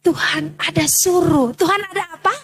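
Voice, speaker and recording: A woman's voice: very high-pitched, moderate pace, fairly bright tone. A woman with a Manado Malay accent telling a Bible story to Sunday school children, asking them questions and answering them herself.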